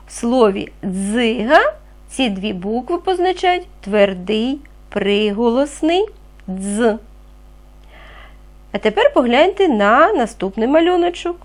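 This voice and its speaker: Slow, lively woman teaching young children. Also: on the high side. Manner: slow, clear, patient, asks children questions. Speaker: primary school teacher. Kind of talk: reading lesson for young children.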